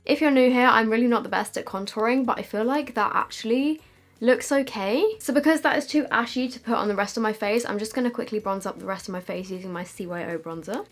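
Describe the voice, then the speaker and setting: A woman's voice: on the high side, quick pace, soft background music. A young British woman with a slight lisp from wearing a retainer, chatting casually and self-deprecatingly to camera in a makeup review. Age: young adult. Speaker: beauty vlogger. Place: small decorated room indoors.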